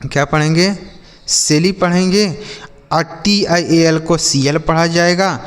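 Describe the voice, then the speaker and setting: A man's voice: a little high, fairly even intonation, measured pace, clear, resonant tone, big-room sound. A man hosting a spoken English lesson, spelling words out letter by letter, repeating and quizzing his students, whom he calls children. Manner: addresses viewers as children and brother. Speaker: English teacher, channel host.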